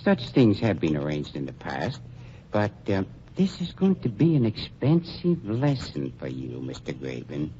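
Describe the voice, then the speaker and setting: A man gives an exaggerated performance as a falsely polite undertaker who blackmails a gangster, his low, dark voice swinging hugely in pitch. The tone is unctuous and oily, full of drawn-out pauses, in the manner of 1940s radio drama captured on a dull, hissy lo-fi recording.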